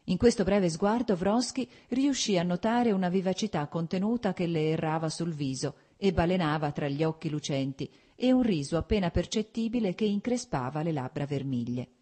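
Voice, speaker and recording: A woman narrating a classic novel as an audiobook, in a measured, expressive reading. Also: lowish voice.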